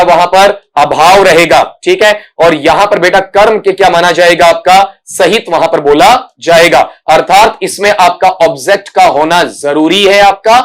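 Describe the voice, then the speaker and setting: A man teaching English for competitive exams, explaining patiently and repeating himself, fondly calling his students "beta" and slowly sounding out each speech sound. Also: sits high. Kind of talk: explaining a lesson to exam students.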